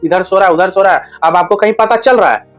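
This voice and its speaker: A man with a fairly high voice talks straight to camera, handing out relationship advice as a casual monologue. He is blunt and slangy and throws in crude jokes as he goes. Soft music plays faintly behind him. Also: quick pace.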